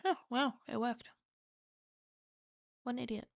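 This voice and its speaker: A woman's voice: a little high, measured pace, creaky. A woman streaming a video game, chatting casually and making self-mocking asides while she reads in-game letters aloud. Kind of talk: casual let's play commentary.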